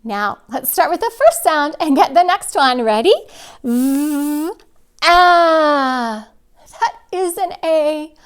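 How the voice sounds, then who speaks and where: A woman's voice: high voice, very animated, moderate pace. A woman teaching young children step by step like a kids show host, with simple, encouraging prompts. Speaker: children's drawing and spelling teacher. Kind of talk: kindergarten lesson, step-by-step instruction to children.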